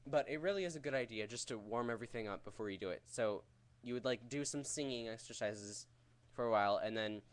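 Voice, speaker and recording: A man's voice: medium pitch, fast talker. A man giving a casual, rambling vocal technique tutorial in a crude, jokey, profane way. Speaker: vocal tutorial host teaching screaming technique.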